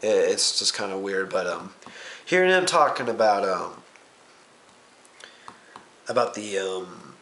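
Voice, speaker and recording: A man's voice: low voice, animated, slow, long pauses, fairly bright tone, a little hiss or hum. A young man talks through a casual vlog recap, rambling loosely and full of ums. He swears offhandedly and keeps jumping from one thought to the next. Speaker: vlogger.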